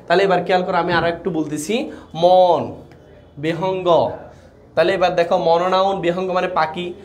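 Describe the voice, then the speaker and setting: A young man teaching a live online grammar class, quick and chatty, repeating questions to his students. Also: high-pitched. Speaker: online tutor.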